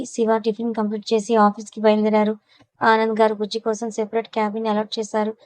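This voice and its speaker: A woman's voice: fairly high pitch, a little mellow, no echo, low-quality recording. A woman narrating a serialized audiobook story with a Telugu accent, reading every character's lines with little change of voice.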